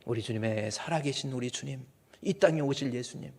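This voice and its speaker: A middle-aged male pastor preaching a sermon, moving between quiet asides and loud, emphatic peaks. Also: medium pitch, fairly quick. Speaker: senior pastor. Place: church sanctuary. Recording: long reverb of a church hall.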